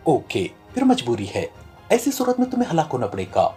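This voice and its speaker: A man voicing a stern, sharp-witted male secret agent, reading in a serious tone from an audio novel. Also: fairly high pitch, huge pitch swings, fairly quick, soft background music.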